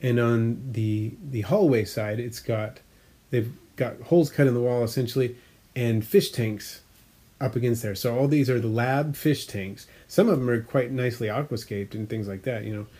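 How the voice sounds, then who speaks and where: Man with a dark, mellow voice chatting casually. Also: medium pitch, normal speed, breathy edge. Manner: rambling, self-correcting, frequent fillers; explanatory, hobbyist detail. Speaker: aquarium hobbyist vlogger. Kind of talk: casual chat.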